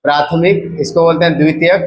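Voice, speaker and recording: A man's voice: on the high side, fairly even intonation, brisk, low-quality recording. A male chemistry teacher giving a casual classroom lecture who keeps asking his students to repeat each term back to him. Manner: casual, coaxing teacher talk.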